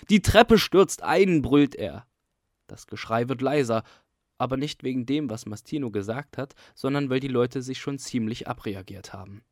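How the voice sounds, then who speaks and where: Man calmly reading a novel bit on the radio, dry close sound. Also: mid-range voice, dry recording. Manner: calm storyteller. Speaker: reader.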